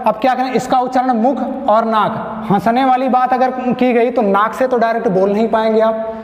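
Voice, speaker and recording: A man's voice: extremely high pitch, steady tone, moderate pace, highs cut off. A man teaching Hindi grammar in an online exam-prep class, explaining step by step, asking questions and answering them himself, checking in with the class after each point. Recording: echoey room with long reverb.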